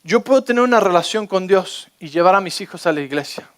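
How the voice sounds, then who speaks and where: A man delivers a sermon from the pulpit, with a notably high voice for a man. He preaches with energy and keeps asking his listeners if they are following him. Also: fast talker. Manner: energetic, keeps checking in with the audience. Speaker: pastor.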